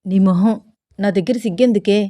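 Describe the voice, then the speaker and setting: A woman's voice: mid-range voice, normal speed, mellow, no echo, clean studio sound, close to an everyday voice. A woman voicing a teasing, eager young husband who scolds playfully.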